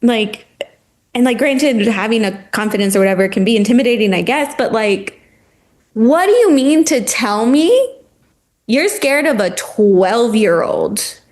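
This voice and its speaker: Her pitch fairly high and her pace a touch slow, this woman, once a teacher, talks as a podcast guest in a relaxed conversation. She is animated and passionate, leaning heavily on the word "like."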